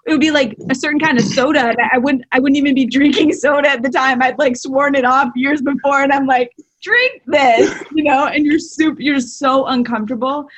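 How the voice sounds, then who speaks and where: A woman co-hosts a podcast in relaxed conversation. Her voice sits high and she talks with animated energy, breaking into quick asides and frequent laughter. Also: muffled recording. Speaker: podcast co-host. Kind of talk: casual chat.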